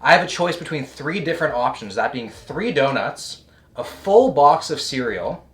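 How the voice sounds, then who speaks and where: A man's voice: mid-range voice, big pitch swings, normal speed, fairly bright tone. A young man chatting casually and jokingly in a fitness vlog, explaining diet tips. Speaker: fitness vlogger.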